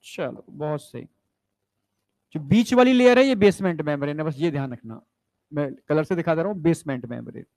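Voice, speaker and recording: A man's voice: a little high, animated, brisk, mellow, dry recording. A man teaching biology in a classroom, mixing English terms into Hindi and coaxing students to ask questions. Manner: coaxing, keeps asking if students understood. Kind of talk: classroom lecture.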